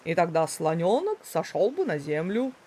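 A woman voicing a calm, puzzled male boa constrictor in a low, slow, wondering voice. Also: breathy edge.

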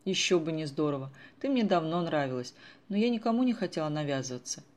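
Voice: mid-range voice, lively intonation, fast, lightly acted. A reader voicing an earnest, principled teenage girl in a storybook who talks in a thoughtful, moralizing way.

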